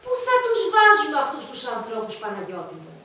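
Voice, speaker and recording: An actress playing a bossy, excitable wife in a stage comedy, scolding her husband. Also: fairly high pitch, heavily acted. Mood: scheming. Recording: echoey stage from far off.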